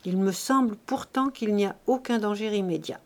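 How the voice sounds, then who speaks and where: Woman reading as a gruff, kindly old doctor. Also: fairly high pitch, normal speed, natural voice. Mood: reassuring. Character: older male doctor, gruff but kindly.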